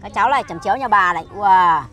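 Surrounded by a noisy crowd, an older cooking vlogger prepares and serves food to guests. She talks very fast in an expressive, fairly bright mid-range voice, coaxing and chatty with frequent exclamations.

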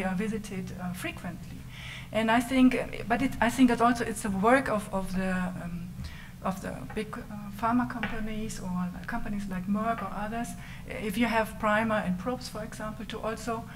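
A woman panelist answering at a conference, halting and searching for words. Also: medium pitch, slight background noise, low-quality recording. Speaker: panelist researcher. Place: conference auditorium, seated at panel table. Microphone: table microphone.

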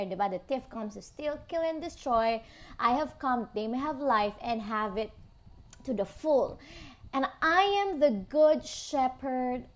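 A Filipino woman preaching a sermon. She mixes Tagalog and English, reads Bible verses aloud and keeps asking her listeners questions. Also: high voice.

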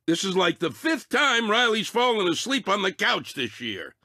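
A man voicing Anger, a short-fused, sarcastic cartoon emotion in a video game, with a raspy, blustering, exasperated delivery. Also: high-pitched, big pitch swings, normal speed, pushed and bright, no echo, clean studio sound, full character voice. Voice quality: raspy, gravelly, tense. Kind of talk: animated video game character acting.

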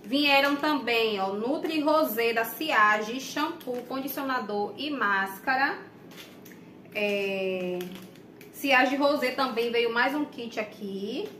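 A woman's voice: on the high side, slow pace, fairly bright tone. A young woman from Brazil with a Bahian accent, chatting casually to viewers while unboxing in a small room, recorded on a camera mic. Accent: Bahian Brazilian Portuguese. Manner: chatty, addresses viewers often. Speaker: vlogger. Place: small room indoors, plain wall. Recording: echoey room, faint background noise.

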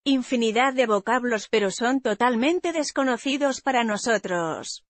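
Female news voice-over, fairly high pitch, even measured read, dry booth sound. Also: no room sound. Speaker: news reader. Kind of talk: reading a news article aloud.

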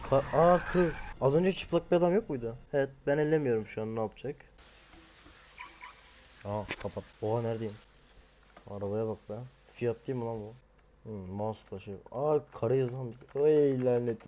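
A young man doing casual horror game commentary, joking and mumbling, then yelling in panic. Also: medium pitch, slight background noise. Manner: jokey, swings from mumbling to loud panicked yelling. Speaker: gaming streamer.

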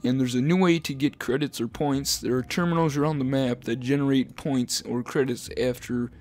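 Rambling young-sounding gamer guy, flat voice. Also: mid-range voice. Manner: rambling, repeats himself, many fillers; says he is talking fast to keep it short. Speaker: gaming YouTuber. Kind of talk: casual gaming commentary.

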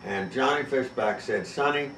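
An older man telling stories in a rambling way, halting often. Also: fairly low pitch, slight background noise. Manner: rambling, halting with many pauses. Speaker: interviewee recalling a prank. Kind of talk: casual storytelling. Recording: echoey room from a distance.

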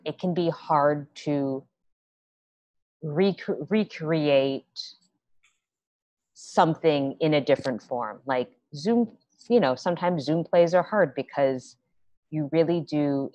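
A woman's voice: low voice, darkish tone, no echo. A young woman, a playwright guest, chatting on a video call from home, with many fillers and restarts. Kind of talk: casual video-call interview. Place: small room at home. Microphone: laptop webcam on video call. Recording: dry, dull video-call audio.

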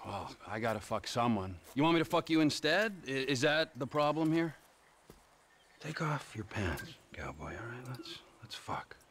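An actor playing a volatile, violent male criminal in a video game cutscene, swinging from menacing whispers to shouting rage. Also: fairly high pitch, brisk, few pauses, slight background noise.

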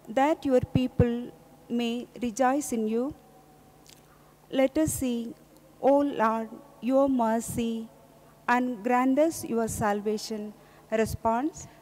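A woman's voice: on the high side, fairly even intonation, slow, pauses often, mellow. A woman solemnly reading scripture aloud as a lector in a church. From India. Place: large indoor church, at a lectern. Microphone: gooseneck microphone on lectern. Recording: echoey church reverb.

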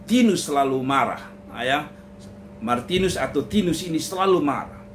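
A male pastor giving a lighthearted sermon in a high voice. He narrates a story for the congregation, stopping often to address them directly and filling pauses with a drawn-out "uh". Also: expressive, slight background noise. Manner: addresses listeners as "saudara", with drawn-out hesitations.

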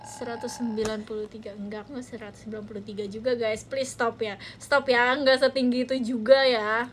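A woman's voice: fairly high pitch, fairly even intonation, brisk, slight background noise. Playful young woman hosting a phone livestream. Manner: playful, teasing, reads viewer comments aloud. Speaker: livestream host. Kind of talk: casual livestream chat. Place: a friend's home, indoors.

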